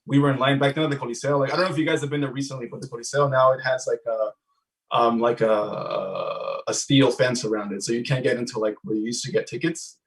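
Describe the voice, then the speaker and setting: A man's voice: medium pitch, steady tone, fast talker, recorded from a distance, poor audio. A man co-hosting a podcast, telling a childhood story in a rambling, casual way and slipping into Spanish. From Guatemalan-American family, Southern California. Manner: rambling, mixes English and Spanish. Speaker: podcast co-host.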